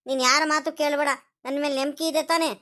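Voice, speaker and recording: A woman's voice: high voice, fairly even intonation, fast, bright, forceful tone. A woman voicing a pleading young village husband. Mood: defensive. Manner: pleading, repetitive questions. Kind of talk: village comedy cartoon voice acting.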